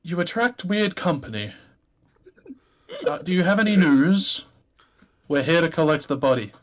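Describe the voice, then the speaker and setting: A man voicing a gentle, polite old village elder in a tabletop game. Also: a little high, lively intonation, normal speed, natural voice. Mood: amused.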